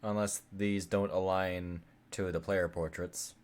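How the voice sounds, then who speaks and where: A man's voice: sits low, level tone, measured pace. A man chatting casually during a tabletop game.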